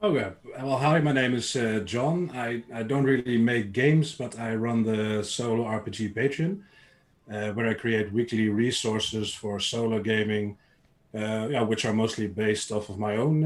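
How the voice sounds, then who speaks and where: Male panel guest, lowish voice, casual, hesitant delivery with repeated words. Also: fairly even intonation, measured pace. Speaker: solo gaming resource creator, panel guest.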